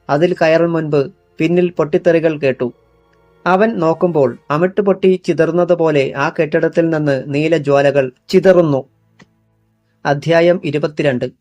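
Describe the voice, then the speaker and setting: A man's voice: fairly high pitch, a little mellow, no room sound. A man reading a crime thriller audiobook in a tense, dramatic narrating style into a close studio mic.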